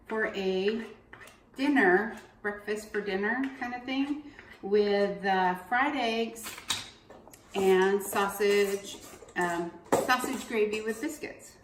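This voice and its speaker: Slow, chatty woman cooking in an echoey kitchen. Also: medium pitch, slight background noise. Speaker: cooking channel host. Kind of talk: home cooking demonstration. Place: home kitchen. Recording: echoey kitchen, distant mic.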